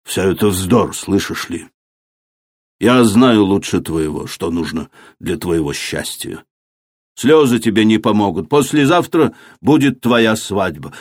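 A man's voice: mid-range voice, very animated, slow pace, husky, dry recording, studio quality, pitched above the performer's own voice, heavily acted. A man voicing a domineering older landowner who speaks sternly and menacingly to his daughter.

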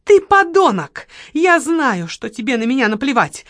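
A woman's voice: fairly high pitch, big pitch swings, measured pace, fairly bright tone, dry recording, studio quality, exaggerated voice. A woman reading an audiobook, voicing a hysterical young woman who shrieks and whines. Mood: shrill accusing. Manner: shrieking, whining.

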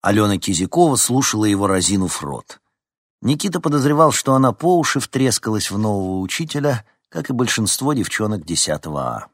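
Expressive male audiobook narrator, husky and lowish, lively pitch, dry close mic. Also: brisk, no room sound. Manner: expressive reading. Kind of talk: scripted narration.

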